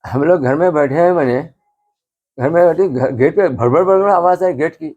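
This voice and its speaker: A man's voice: a little high, moderate pace, darkish tone. An older man with a Hyderabadi accent, vividly recounting events in a news interview. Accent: Hyderabadi Hindi. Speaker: interviewee, family member. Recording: slightly dull, lo-fi sound.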